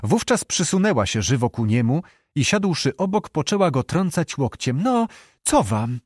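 A man reading a historical novel aloud as an expressive audiobook narrator. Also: on the high side, normal speed, slightly rough, dry recording, clean studio sound. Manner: expressive storytelling.

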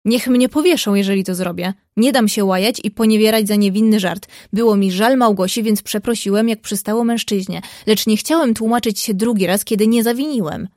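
A woman reading the part of a proud, hot-tempered young gentleman who speaks stubbornly and with indignation. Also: medium pitch, brisk, hardly any pauses, no echo, studio quality, natural voice. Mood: indignant.

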